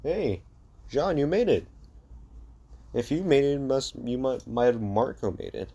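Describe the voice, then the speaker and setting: A man's voice: medium pitch, expressive, measured pace, gravelly, dark tone, slightly rough, voice pushed up, exaggerated voice. A man voicing an eager young male soldier greeting a comrade.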